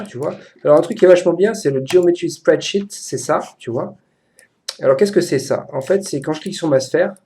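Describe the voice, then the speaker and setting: Man, French accent, gravelly voice, dark mellow tone, casual screen-recording tutorial, chatty and hesitant. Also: mid-range voice. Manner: chatty, hesitant, many fillers, addresses a friend. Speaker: 3D software tutor.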